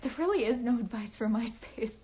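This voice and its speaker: A woman's voice: fairly high pitch, animated, fairly quick, warm tone. A young woman chatting on a casual livestream from home, talking in a nervous valley-girl way with lots of fillers and restarts. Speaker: author livestreaming to fans. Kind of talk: casual livestream chat, reading comments. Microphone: phone.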